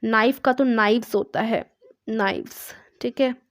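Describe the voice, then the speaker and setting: A woman's voice: on the high side, a little slow, no echo, studio quality. Patient Indian woman teaching English. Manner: patient, repeats "ठीक है" after each point. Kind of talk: online language lesson.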